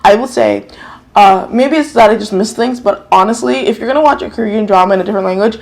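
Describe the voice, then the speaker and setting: With a quick pace and a gravelly, somewhat dark medium-pitched voice, a Japanese-first-language woman from New York talks informally about a drama. Her review meanders, includes self-corrections and features the odd curse word.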